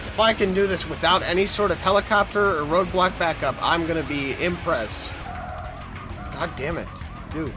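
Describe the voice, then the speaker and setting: A man streaming a racing game, talking casually, swearing and shouting at the game. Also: a little high, moderate pace. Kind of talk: casual gameplay commentary. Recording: game music over the voice. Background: game music.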